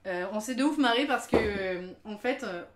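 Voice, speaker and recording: A woman's voice: fairly high pitch, expressive, normal speed, noisy background. A young woman streaming live while she cooks, chatting casually, joking at her own expense and laughing often. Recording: roomy kitchen with faint clatter.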